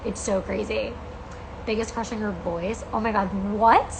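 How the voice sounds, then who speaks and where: A young American woman talks casually to her livestream followers with a creaky vocal fry. Her pitch sits in the middle, and her delivery is emphatic and gushing, peppered with slang. Noticeable background noise runs under the recording. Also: fairly even intonation, moderate pace. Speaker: podcast host and coach. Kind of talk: casual livestream chat to fans.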